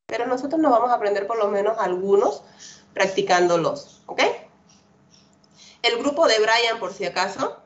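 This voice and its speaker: A woman's voice: on the high side, moderate pace, pauses often, a little hiss or hum. Woman, online English teacher; patient, repetitive, checks in a lot; muffled call-quality sound. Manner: patient, repetitive drilling, frequent "¿verdad?" checks. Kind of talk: online class lecture. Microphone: computer mic on a video call. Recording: dull lo-fi video call audio.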